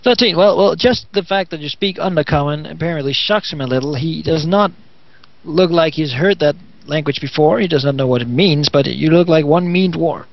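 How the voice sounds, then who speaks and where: A man's voice: a little high, fairly quick, gravelly, no room sound. A man acting as game master, casually narrating and refereeing a tabletop role-playing game. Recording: dull lo-fi voice-chat audio.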